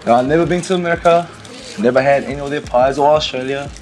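Inside a small convenience store, with music in the background, a fast-talking New Zealander in his thirties with a medium-pitched voice plays around in slangy, jokey chat as an interviewed barber, frequently saying "man" and "bro."

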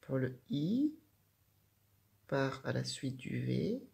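Woman, teacher, slow and patient, step-by-step handwriting lesson. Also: very deep voice, sing-song, gravelly, warm tone.

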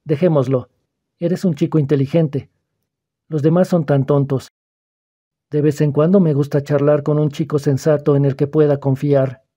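A man reading the part of a calm, persuasive schoolboy who probes another boy's fears, in an audiobook. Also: fairly high pitch, moderate pace, slightly rough. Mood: calm, probing. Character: calm, probing, mysterious older schoolboy.

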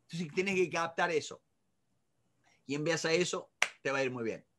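A middle-aged man with a Córdoba Argentine accent teaches negotiation to children. His voice sits high and bright. He is animated, acting out small scenes as he explains. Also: normal speed. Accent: Córdoba Argentine Spanish. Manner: animated, acts out voices in examples. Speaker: negotiation instructor. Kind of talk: online class for children.

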